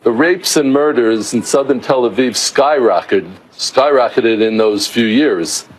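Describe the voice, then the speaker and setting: A man's voice: medium pitch, unhurried, low-quality recording. A middle-aged man from the United States, appearing as a guest on a news show. He lays out his points at length, often stumbling and restarting his sentences as he explains. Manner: explanatory, with frequent restarts and fillers. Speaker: interview guest, author. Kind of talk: remote news interview.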